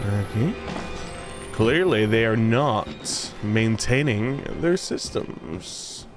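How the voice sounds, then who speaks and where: A man's voice: on the low side, animated, drawn-out words, music in the background. A man casually commenting while playing a horror game, joking around and reading chat aloud. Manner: joking, reads chat aloud, playful silly voices. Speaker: gaming streamer. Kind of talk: casual let's-play commentary.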